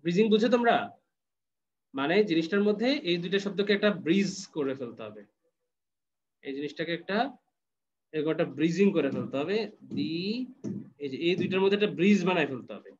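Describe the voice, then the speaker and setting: A man's voice: a little high, animated, a little fast, long pauses, darkish tone, highs cut off, a little hiss or hum. A man teaching an English class online, patiently explaining step by step and checking that students follow.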